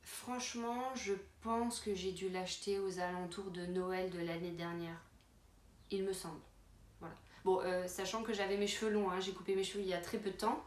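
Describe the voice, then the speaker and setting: A woman's voice: on the low side, fairly even intonation, moderate pace. A woman vlogger chatting casually through her travel toiletries, with many fillers and restarts. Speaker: beauty vlogger. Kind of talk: casual product walkthrough. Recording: roomy with faint background noise.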